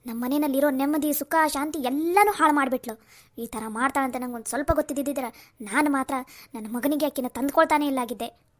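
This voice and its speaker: A woman's voice: sits high, a little fast, close to an everyday voice. A woman voicing a worried middle-aged mother in a cartoon family drama, soothing her daughter and bitter about her daughter-in-law.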